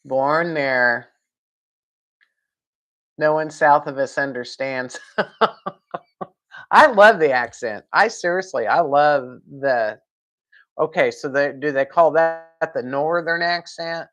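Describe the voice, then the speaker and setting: A woman's voice: low voice, takes it slowly, long pauses, fairly bright tone. A woman hosting a casual live stream from home, rambling, laughing and answering viewer comments.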